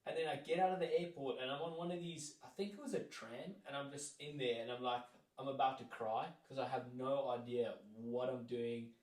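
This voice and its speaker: A man's voice: medium pitch, fairly even intonation, a little fast, hardly any pauses, a little mellow. A man in his twenties from South Africa, an interview guest telling a story casually, with lots of "like" fillers and acted-out quotes. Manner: rambling, lots of "like" fillers, acts out quoted lines. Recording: roomy echo, mic at a distance.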